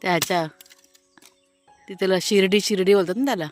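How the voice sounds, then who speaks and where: A woman's voice: medium pitch, a little fast, soft background music. A woman vlogging casually outdoors in her garden, chatting to viewers and explaining what she shows. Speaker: family vlogger. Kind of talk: casual vlog walkthrough talking to viewers.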